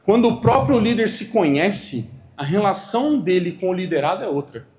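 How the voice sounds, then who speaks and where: A man's voice: high voice, normal speed. A Brazilian man giving an internal corporate training talk to a room, acting out little dialogues as he goes. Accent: Brazilian Portuguese. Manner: animated, acts out dialogues.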